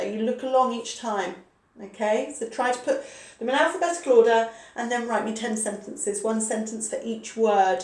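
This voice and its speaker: A woman's voice: fairly high pitch, a little mellow. Patient woman teacher in her forties. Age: 40s. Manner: patient, repeats points with frequent "okay". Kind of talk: recorded online grammar lesson. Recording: echoey room, voice a bit far from the mic.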